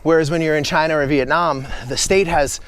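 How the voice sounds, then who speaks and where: A man's voice: on the high side, steady tone, fairly quick, a bit bright, smooth. A man, a travel vlogger, talking bluntly and opinionatedly on a city walk, swearing casually and calling his companion bro and man. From United States. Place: outdoors on city streets.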